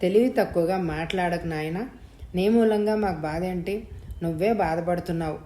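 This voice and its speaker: A woman's voice: fairly low pitch, moderate pace, dark tone, close to an everyday voice. A woman reading the lines of a loving older mother in an audio story, affectionate and soothing. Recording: roomy echo.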